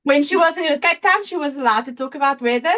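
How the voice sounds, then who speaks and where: South African woman, higher register, informal and talkative livestream host who thinks aloud. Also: fast talker, a bit bright. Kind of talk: casual live chat, reading out viewer comments.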